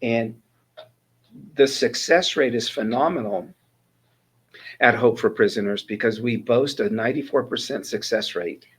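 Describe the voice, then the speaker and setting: This is a man in his sixties from Northern California, USA, a ministry mentor coordinator telling his life story in a casual interview as personal testimony. His mid-range voice is slightly rough and a little slow, with long pauses, and he earnestly restarts sentences.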